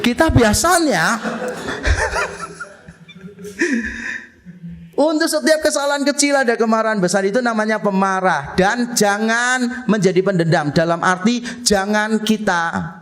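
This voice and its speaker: High-voiced preaching man. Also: normal speed. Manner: lively preaching with acted-out quotes and humor. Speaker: pastor. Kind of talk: sermon. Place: church.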